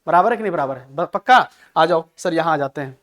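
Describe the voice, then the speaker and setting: A man's voice: a little high, animated, fairly quick, fairly bright tone. Male chemistry teacher, exam-prep lecture, asks and answers his own questions, calls students beta. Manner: fires rhetorical questions and answers them himself; addresses students affectionately as "beta".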